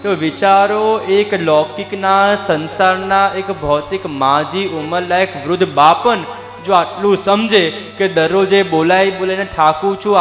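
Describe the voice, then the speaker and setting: High-voiced man preaching in an echoey hall. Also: a bit bright. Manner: storytelling, rhetorical, addresses the audience directly. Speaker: devotional preacher. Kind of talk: Gujarati devotional katha sermon. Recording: echoey hall with long reverb, faint music.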